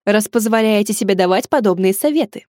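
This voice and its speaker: A woman's voice: mid-range voice, expressive, fairly quick, warm tone, no room sound, studio quality, lightly acted. A woman reading an audiobook, playing a haughty, elegant middle-aged shop owner with cold, restrained anger. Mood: icy. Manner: coldly restrained, angry.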